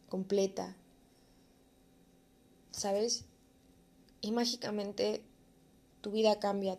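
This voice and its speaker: A woman's voice: mid-range voice, a little mellow. Earnest young Mexican woman vlogging. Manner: earnest, encouraging, casual slang. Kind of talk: reflective vlog monologue.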